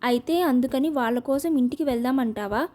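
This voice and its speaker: A woman's voice: high voice, a little fast, mellow, lightly acted. A woman voicing a fretful, fond old grandmother in an audio novel, coaxing and chiding.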